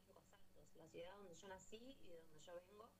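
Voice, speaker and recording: An Argentine woman, an actress, talks about her play in a reflective way, with many pauses and fillers. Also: fairly low pitch, low-quality recording. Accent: Argentine Spanish. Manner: thoughtful, many fillers and restarts. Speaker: actress and playwright. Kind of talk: interview answer.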